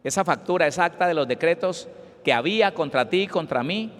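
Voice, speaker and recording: A man's voice: fairly high pitch, expressive, a little fast, fairly bright tone, long reverb tail. A man, a pastor giving an emphatic Bible study sermon and acting out the voices of callers.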